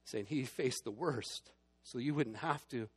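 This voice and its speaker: A man preaching a sermon as pastor, moving between hushed, low passages and emphatic, building ones. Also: normal speed, breathy edge.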